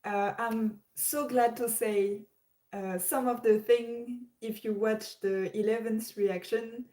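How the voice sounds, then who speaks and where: A woman's voice: fairly high pitch, fairly even intonation, slow pace, dark tone, poor audio. A young woman with a French accent hosting a casual livestream chat, hesitant with many fillers and restarts. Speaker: livestream host.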